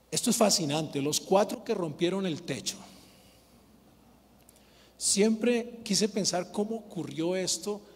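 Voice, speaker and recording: A male pastor preaching a sermon in a church, telling stories in an animated way. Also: high voice, drawn-out words, long pauses, husky. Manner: animated storytelling, acting out scenes. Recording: reverberant church hall.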